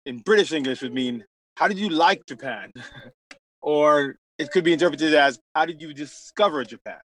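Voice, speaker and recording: A man from Jamaica, an author being interviewed, telling his story in a lively, chatty way with plenty of fillers. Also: fairly high pitch, poor audio. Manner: animated storyteller with frequent laughs and fillers. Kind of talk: casual conversational interview.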